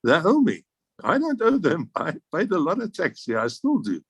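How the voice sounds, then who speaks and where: A husky, creaky male voice on the high side swings hugely in pitch at a normal speed, with no echo. It belongs to an older South African air force veteran being interviewed, who drifts through relaxed recollections, laughing softly and restarting his sentences.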